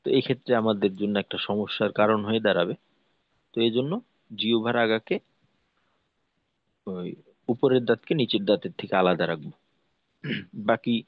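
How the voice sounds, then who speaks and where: A man's voice: fairly low pitch, no echo, highs cut off. Patient male tajweed teacher, dry sound. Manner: patient, repeats points and demonstrates sounds. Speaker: Quran recitation teacher. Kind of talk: explaining pronunciation in a lesson.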